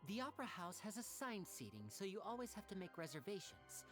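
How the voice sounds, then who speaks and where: An actor playing a charming, courteous young stage magician in a video game, with a smooth and welcoming delivery. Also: male voice, high-pitched, sing-song, fairly quick. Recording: game audio over soft music.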